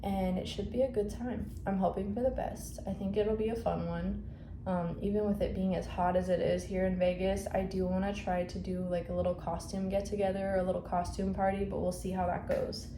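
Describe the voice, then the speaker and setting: A woman's voice: medium pitch, level tone, a little fast. A woman chatting casually in a vlog about her shop, rambling with lots of fillers and self-corrections. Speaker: shop owner vlogger. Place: indoors at home, upstairs. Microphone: phone or camera mic. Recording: echoey room, faint background noise.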